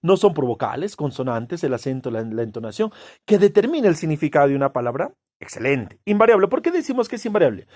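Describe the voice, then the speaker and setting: A man gives a classroom lecture, posing rhetorical questions and answering them himself. He leans hard on key words with drawn-out stresses, his pitch leaping up and down in a very animated way. The recording is close and dry, with no room echo. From Peru. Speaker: teacher.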